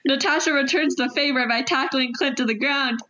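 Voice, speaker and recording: A woman's voice: sits high, brisk, sharp tone, lo-fi sound. A woman narrator reading out scripted scene action and stage directions.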